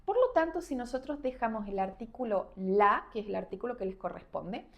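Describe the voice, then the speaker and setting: A woman Spanish teacher giving an online lesson, explaining clearly and slowing down to spell out example words. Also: on the high side, lively intonation.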